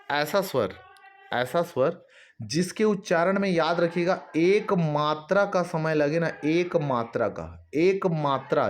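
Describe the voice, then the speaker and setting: Man, teacher, exam-prep lesson, repetitive explaining, asks and answers own questions. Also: a little high. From Chhattisgarh. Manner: addresses students directly with fillers like "है ना".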